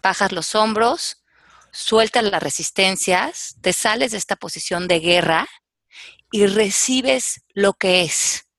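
A woman speaks as a life coach, slow and calm, laying out her advice in an instructive way. Her voice sits at a middle pitch and is recorded dry and close, with no room echo. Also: gravelly. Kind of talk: coaching talk on a panel show.

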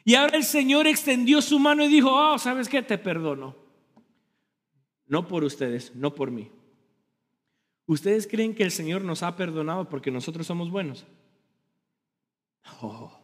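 A man preaching a sermon as pastor to his congregation, animated, asking them questions and joking about himself. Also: high voice, normal speed, big-room sound. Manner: self-deprecating humor. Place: church sanctuary.

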